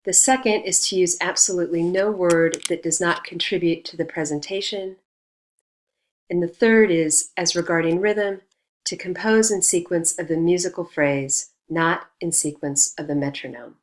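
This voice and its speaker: A woman lectures on poetry in a steady, explanatory manner. Her voice sits a little low, and she reads passages aloud before unpacking them point by point. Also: normal speed. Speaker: teacher.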